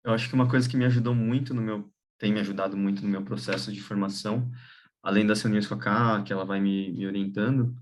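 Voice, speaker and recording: A man's voice: on the low side, steady tone, fast. A man from Brazil, a teacher speaking casually and a bit hesitantly in a training talk. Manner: casual, hesitant, laughs at himself.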